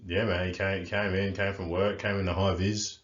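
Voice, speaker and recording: A man co-hosting a casual rugby chat, relaxed and rambling with many fillers. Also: low voice, brisk. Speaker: rugby coach and podcast co-host. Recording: echoey room, dull lo-fi sound.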